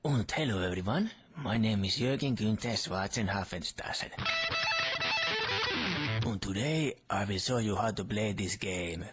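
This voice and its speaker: Brief: man as arrogant German-accented shredder, low and slow, loud guitar behind. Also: lightly acted. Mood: cocky mocking. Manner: boastful, mocking, slow deliberate delivery. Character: arrogant, insulting male guitar shredder tutor. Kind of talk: comedic tutorial video. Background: loud electric guitar music.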